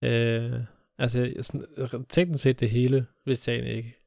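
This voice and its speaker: A young man with a gravelly, creaky edge, chatting casually as a podcast co-host. He jokes a lot and stumbles through fillers and restarts. The sound is close and dry. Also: medium pitch, level tone, darkish tone, no echo. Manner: joking, hesitant with many fillers. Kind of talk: casual chat.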